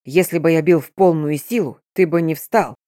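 Soft-spoken menacing werewolf, voiced by a woman. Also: sits low, moderate pace, no echo, clean studio sound, natural voice. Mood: quietly menacing. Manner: quiet, gentle, menacing.

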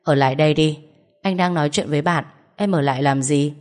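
A woman reading as a young husband in an audio story, dry and teasing, speaking low and bossy. The part stays close to her own deep voice. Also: fairly quick, a little mellow, close to an everyday voice. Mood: curt.

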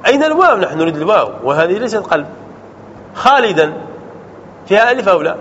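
A man leads a grammar class as a sheikh, pitched fairly high for a man. He keeps stopping to throw quick questions at his students and check that they follow. The recording is muffled and lo-fi, with a faint hiss underneath. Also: big pitch swings, fairly bright tone. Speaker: sheikh teaching Arabic grammar. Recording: dull lo-fi sound with faint noise.

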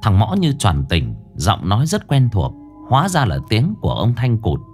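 A male storyteller narrating a ghost story with suspense. His pitch rises and falls very widely. Soft music with a singing bowl plays faintly behind him. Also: huge pitch swings, normal speed.

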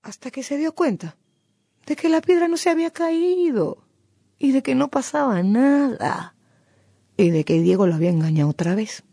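A woman on the radio telling a folk tale aloud with lively, expressive storytelling. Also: high-pitched, normal speed, husky, dry recording, clean studio sound.

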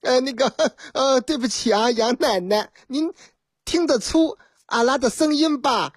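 A woman voicing a smooth-talking phone con man who fakes a Shanghai accent and poses as a policeman. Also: high-pitched, measured pace, no echo, studio quality, pitched above the performer's own voice. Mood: wheedling. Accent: put-on Shanghai.

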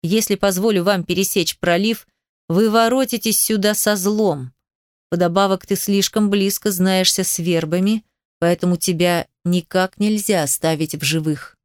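A woman's voice: mid-range voice, steady tone, normal speed, clean tone, no room sound, studio quality, lightly acted. Woman doing an icy defiant young herald. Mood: cold. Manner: cold, controlled.

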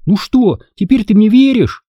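A timid, excitable little boy who is sure the house is haunted, as a man reading a storybook puts him on. He pleads and insists in a high, lively, eager whisper with a husky edge. The sound is dry and close. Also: normal speed, no echo, lo-fi sound. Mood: excited.

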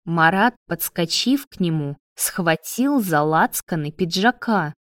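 Woman audiobook narrator, slow and measured, dry close sound. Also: fairly low pitch, lively intonation, no echo.

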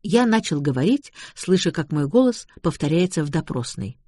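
A man reading a detective audiobook in even, storytelling narration. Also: a little high, normal speed, husky, no echo, clean studio sound. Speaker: audiobook reader. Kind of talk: scripted narration.

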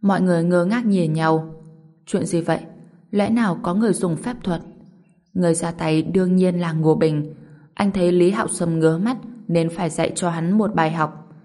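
A woman narrating an audiobook story in a steady, brisk storytelling manner. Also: on the low side.

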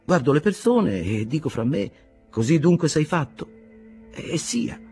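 A man's voice: fairly high pitch, sing-song, measured pace, darkish tone, faint music behind, voice pushed up. A man voicing a mild, polite young engineer who speaks hesitantly. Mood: mild hesitance.

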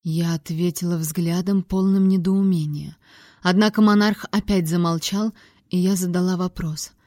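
Audiobook narrator, woman, even and measured, dark, dry studio sound. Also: fairly low pitch, no echo. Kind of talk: first-person novel reading.

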